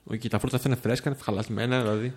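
A man's voice: medium pitch, steady tone, husky. A man playing a mystery game as a guest, thinking aloud and asking curious questions about the room. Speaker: player guest.

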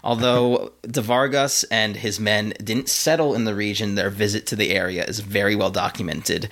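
A man's voice: lowish voice, fairly even intonation, moderate pace, fairly bright tone. A man co-hosting a podcast, telling a history story in a laid-back, giggly way with lots of fillers. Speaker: podcast co-host. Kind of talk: casual history chat.

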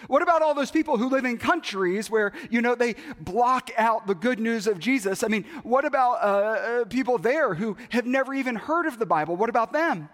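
A man's voice: high-pitched, expressive, unhurried. A man voicing a skeptical older church chairman who keeps pressing questions, in a sermon. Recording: long hall reverb.

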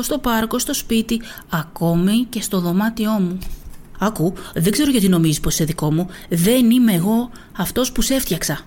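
Expressive woman reading a storybook aloud. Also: breathy edge. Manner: expressive reading, voicing quotes with pitch lifts and whispers; casual, chatty comments with fillers after the reading. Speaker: children's book reader.

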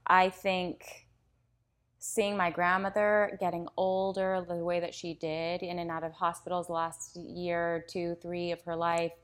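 A woman chatting casually and openly about her family, with a lively storytelling manner. She acts out other people's lines as she goes. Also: on the low side, unhurried, smooth. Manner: candid storyteller, animated impressions. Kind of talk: casual chat.

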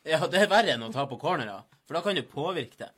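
Bright-voiced playful man co-host. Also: a little high, lively intonation. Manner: laughing, playful, swears casually. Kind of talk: casual sports talk show.

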